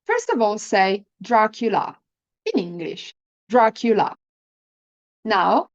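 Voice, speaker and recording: A woman giving an encouraging language lesson on rolling the R, sounding out example words deliberately as a teacher. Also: fairly high pitch, highs cut off. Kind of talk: pronunciation lesson with slow, repeat-after-me example words.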